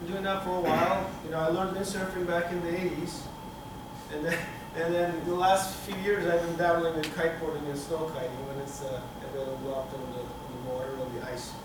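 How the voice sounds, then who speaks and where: Distant and echoey, a middle-aged Turkish presenter talks through a technical conference talk, his voice pitched a bit high. He hesitates constantly, using fillers and restarting sentences. A room camera at the back of a projector-equipped conference room captures him along with persistent room noise and heavy reverb.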